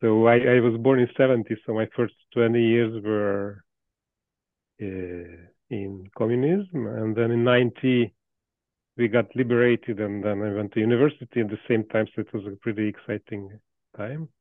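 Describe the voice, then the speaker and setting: A man in his fifties with a Hungarian accent, a guest researcher speaking in a casual interview, thoughtful and halting with many restarts and soft laughs. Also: lowish voice, fairly even intonation, no echo. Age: 50s. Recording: dry tinny call audio.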